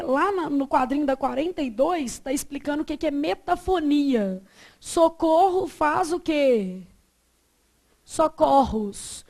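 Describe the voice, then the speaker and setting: A Brazilian woman teaching a Portuguese class, quizzing her students and drawing words out slowly to show how they are said. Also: sits high. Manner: lively, asks the class questions and answers them herself; stretches words out slowly to model pronunciation. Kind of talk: classroom lecture.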